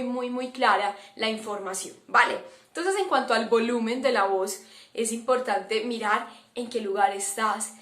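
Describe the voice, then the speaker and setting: Woman psychologist giving a talk, kinda high voice, lots of "¿vale?", echoey room. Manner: warm, coaching tone with rhetorical questions and frequent "¿vale?". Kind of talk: informal lecture. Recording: roomy echo.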